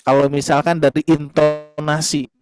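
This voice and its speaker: Over music, a man with a slightly high voice and flat delivery teaches a Quran class online at a moderate pace. Patient and explanatory, he addresses parents warmly as "Ayah Bunda" and leans on fillers and tag questions.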